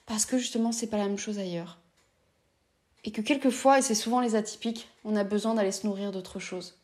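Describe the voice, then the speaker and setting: A woman's voice: mid-range voice, fairly even intonation, a little fast, darkish tone. A woman from France giving an earnest, impassioned monologue straight to her viewers. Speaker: vlogger speaking about neurodiversity. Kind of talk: reflective monologue to camera.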